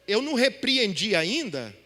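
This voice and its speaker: A middle-aged man preaches on a stage mic in a church hall, his voice unusually high and bright. The long reverb trails after each phrase. He keeps the congregation engaged with rhetorical questions. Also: sing-song, a little slow. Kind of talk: sermon.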